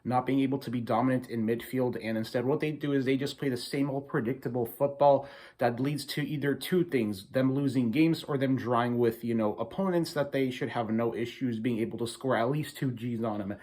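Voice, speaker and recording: A man's voice: medium pitch, fairly even intonation, fairly quick, a little mellow. A man hosting a casual football recap video, complaining emphatically and informally as he repeats his points. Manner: informal, repetitive, emphatic complaining with mild swearing. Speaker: football fan video host. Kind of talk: casual opinionated match recap.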